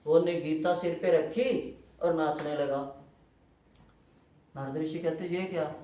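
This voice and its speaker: A man giving an animated devotional talk at a festival gathering, telling stories and acting out the voices in them. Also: on the high side, takes it slowly, roomy sound, recorded from a distance, a little hiss or hum. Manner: animated storytelling with quoted voices. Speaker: devotional speaker.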